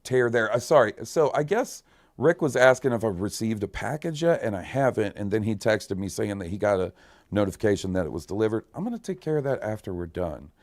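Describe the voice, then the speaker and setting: Man, podcast host, casual chat, excitable, curses often, low-pitched, dry close sound. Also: brisk, no room sound.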